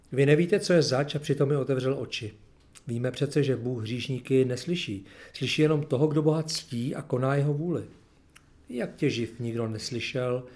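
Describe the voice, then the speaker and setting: A man's voice: fairly high pitch, a little mellow. A man reading a gospel passage aloud and then reflecting on it in a casual, hesitant way with many fillers. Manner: plain, unhurried reading, then searching, hesitant talk with fillers. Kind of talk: Bible reading followed by personal reflection.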